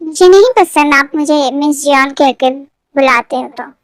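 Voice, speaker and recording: Woman as a teasing kindly young woman boss, very high voice, slow, dry sound. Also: no echo, close to an everyday voice. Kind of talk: fan fiction story read aloud.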